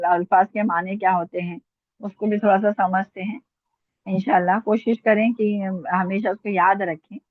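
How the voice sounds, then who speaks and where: A woman's voice: medium pitch, no echo. A woman teaching an online Urdu vocabulary class, patiently repeating words and asking her students questions. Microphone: online class call. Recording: tinny phone-line audio, dry.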